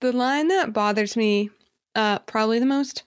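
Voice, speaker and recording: A woman's voice: fairly high pitch, normal speed, clean tone, dry recording, clean studio sound. A woman co-hosting a podcast, chatting casually and frankly about a song, laughing often and joking wryly. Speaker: podcast co-host. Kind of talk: casual chat reviewing songs.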